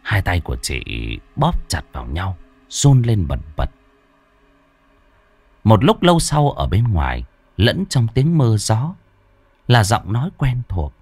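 A man narrating an audiobook in an expressive storytelling manner. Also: lowish voice, a little slow, long pauses, breathy edge, no echo.

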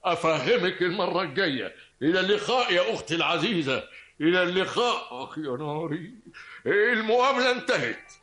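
A pompous, scheming professor in a vintage Egyptian radio play. His slightly high voice drips with mock courtesy and thinly hidden scorn. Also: animated, a little fast, bright, forceful tone. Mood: mock-polite. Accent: Egyptian Arabic. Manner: mock-polite, pompous, sneering. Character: pompous scheming male psychology professor, sly and mocking. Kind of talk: vintage radio drama acting.

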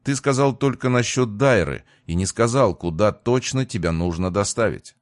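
Apologetic male underling, read by a narrator, low voice, audiobook. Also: animated, moderate pace, no echo, clean studio sound, natural voice. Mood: sheepish.

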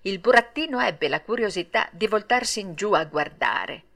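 A woman narrating a classic children's story in a measured, expressive reading. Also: mid-range voice, gravelly. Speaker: audiobook narrator.

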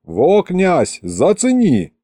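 A man voicing a brash, cheeky young man who talks in slang and shouts a lot. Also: on the high side, huge pitch swings, drawn-out words, no echo, studio quality, pitched above the performer's own voice, exaggerated voice.

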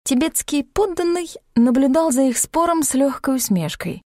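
A woman narrating an audiobook in a lively, expressive reading. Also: high-pitched, moderate pace, no echo, clean studio sound. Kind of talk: scripted narration.

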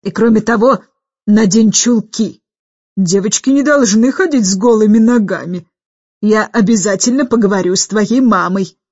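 Woman voicing a booming, bossy old governess. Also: husky, no room sound, dull audio, lightly acted. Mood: domineering. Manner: loud, slow and bossy, barking orders. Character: domineering booming older woman, a harsh governess.

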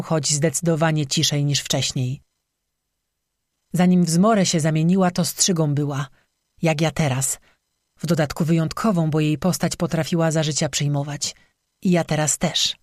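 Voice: medium pitch, fairly even intonation, moderate pace, darkish tone, dry recording, lightly acted. An audiobook narrator voicing a young cursed strzyga woman who confesses bitterly through tears, recorded dry and close. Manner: bitter, tearful confession with sobbing.

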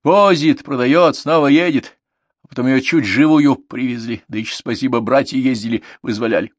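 A man voicing a loud, scolding village mother who shouts at her daughters in an audiobook. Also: medium pitch, normal speed, no room sound, pitched above the performer's own voice, lightly acted. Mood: lamenting.

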